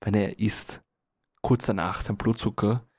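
A man's voice: lowish voice, fairly even intonation, a little slow, darkish tone, slightly rough. Playful young man. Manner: playful, teasing, mock-serious. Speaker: podcast co-host. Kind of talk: casual comedic chat.

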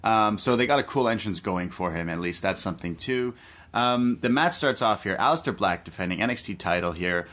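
A man's voice: fairly low pitch, expressive, fairly quick, fairly bright tone. A man hosting a podcast, giving a casual, enthusiastic fan's recap of a wrestling match. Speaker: podcast host.

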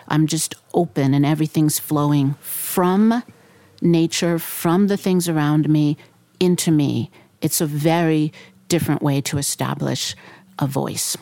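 Low, mellow-voiced middle-aged woman author. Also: dry recording. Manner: enthusiastic, explanatory, builds points in short phrases. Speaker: author and former park ranger, interview guest. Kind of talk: casual interview answers.

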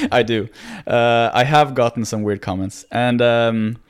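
A Norwegian medical student in his twenties, a non-native English speaker with a Norwegian accent, talks earnestly and modestly as a guest on a casual podcast interview. His voice is medium-pitched, fairly even, slow, clear, and resonant.

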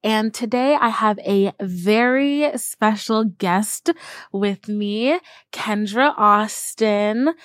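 A woman's voice: medium pitch, very slow, fairly bright tone, dry recording, studio quality. A woman hosting a podcast and chatting casually, candid and slangy with some swearing. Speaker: podcast host. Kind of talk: casual chat and podcast introduction.

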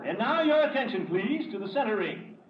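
A man's voice: sits high, sing-song, fairly quick. An actor playing a pompous, blustery middle-aged male water commissioner in a 1940s radio sitcom, chuckling often. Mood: announcing. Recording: dull old radio broadcast, loud hiss.

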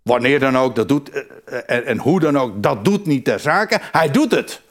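A man's voice: medium pitch, normal speed. A man preaching a sermon, emphatic and repetitive, often restarting his phrases. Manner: animated, emphatic, repeats phrases, frequent restarts.

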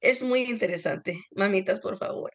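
A woman's voice: mid-range voice, normal speed. A woman leading a parenting group, explaining to the parents and addressing them directly. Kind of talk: casual group talk. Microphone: video call.

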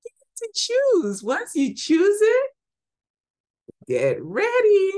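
A woman from Ghana with a fairly high-pitched voice hosts a podcast and gives a spoken devotional teaching. Emphatic, she alternates bright exclamations with soft murmurs.

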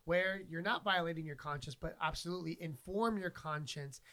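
A man co-hosting a podcast in casual chat, upbeat and quick to say "there you go.". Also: a little high, bright, forceful tone. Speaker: podcast co-host.

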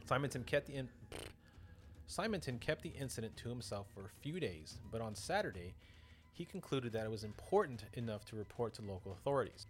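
A man's voice: medium pitch, a little fast, faint music behind. A man hosting a podcast, telling strange stories in a casual, joking way with asides and self-corrections. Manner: lively, joking, self-interrupting. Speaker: podcast host.

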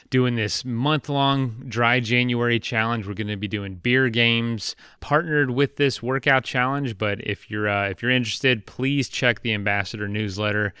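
A man hosting a podcast interview, speaking in a relaxed, rambling way with lots of fillers and restarts. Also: lowish voice, clean tone, dry recording, studio quality. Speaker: podcast host. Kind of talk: casual interview chat.

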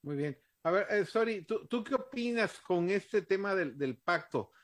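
A man with a notably high voice moderating a Bible study panel. He keeps things moving briskly and hands the turn to each speaker in short, direct calls. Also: animated.

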